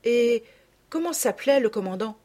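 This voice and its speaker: A woman's voice: on the high side, expressive, normal speed, dark tone, faint music behind, voice pushed up, lightly acted. Kindly noble lady, read by a woman, earnest, emotional, slightly raised voice, storybook reading. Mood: moved, urgent. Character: kind, emotional aristocratic lady, a mother.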